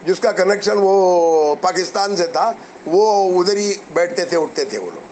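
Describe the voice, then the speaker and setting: A man's voice: high-pitched, a little hiss or hum, low-quality recording. A middle-aged man, delivering a combative, mocking commentary rant to investors. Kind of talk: heated video commentary.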